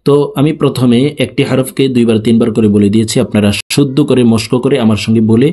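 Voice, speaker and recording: A man teaching letter pronunciation, explaining each sound slowly and then chanting it with long drawn-out vowels. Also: mid-range voice, steady tone, dark tone, breathy edge. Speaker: Quran reading teacher.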